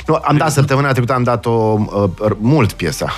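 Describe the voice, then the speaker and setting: Male radio host, lively up-and-down delivery, teasing, soft music bed. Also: medium pitch. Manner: teasing, animated questions. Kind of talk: casual radio chat.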